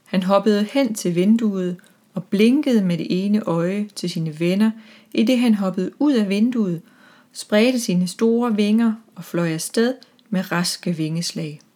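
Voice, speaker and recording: A woman calmly reading a children's story aloud. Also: medium pitch.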